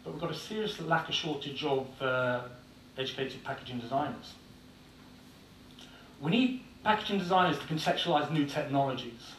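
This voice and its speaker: Speaking at normal speed in a fairly high, bright voice, this Irish-born man with an English accent delivers a conference talk that is blunt, casual and peppered with fillers. The echoey hall, distant microphone and faint background noise are all audible.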